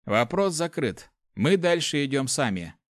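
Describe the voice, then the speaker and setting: A man's voice: mid-range voice, very animated, moderate pace, no echo, studio quality, natural voice. A man doing a curt, angry young mage. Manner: curt, clipped. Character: angry young male mage, blunt and proud. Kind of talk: audiobook character voice.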